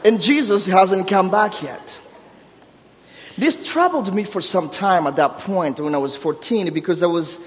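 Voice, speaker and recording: Preaching as a guest, a Burundian man in his thirties speaks in a high-pitched voice with a Burundian accent, his first language being Kirundi. He relies on warm storytelling, gentle jokes about himself, and emphasis that keeps rising. The long reverb of the church sanctuary fills the recording.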